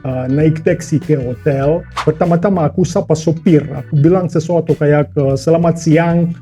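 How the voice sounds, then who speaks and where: A friendly man speaking Indonesian as a learned language, talking straight to his viewers. His voice is very dark and mellow, a little higher than most men's. Quiet music plays beneath him. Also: steady tone, moderate pace. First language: not Indonesian. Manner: chatty, keeps addressing viewers as guys. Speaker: vlogger. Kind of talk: casual explainer vlog.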